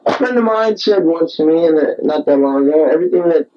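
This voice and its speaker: A man's voice: fairly high pitch, expressive, quick pace. A man recorded on a tape recorder like a dictaphone, rambling alone late at night in a digressive, repetitive, self-mocking way. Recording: dull home tape recorder.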